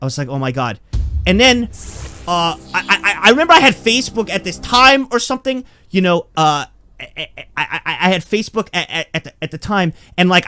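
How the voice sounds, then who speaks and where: A man's voice: high voice, dry recording. A young man telling a comedic personal story in a casual, stammering way, acting out the voices of the people in it. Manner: animated, stammering, acts out voices.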